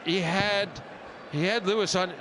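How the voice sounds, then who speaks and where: A man's voice: high voice, fairly even intonation, a little slow. A man co-commentating live on darts, analysing the play. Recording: loud crowd and arena noise.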